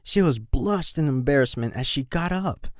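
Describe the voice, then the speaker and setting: A man narrating a fan fiction audiobook in an expressive reading style. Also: a little high, normal speed, no echo, studio quality. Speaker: reader.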